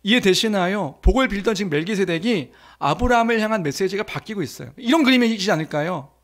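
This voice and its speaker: Male pastor, high voice, sermon style. Quizzes the congregation and acts out quotes with growing force. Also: animated, quick pace, fairly bright tone. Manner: asks the congregation questions, acts out quoted blessings with rising force.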